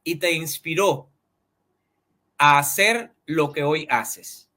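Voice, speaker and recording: A male interview host with a high, bright voice who speaks slowly. He frames his questions in a measured, formal way. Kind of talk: interview hosting.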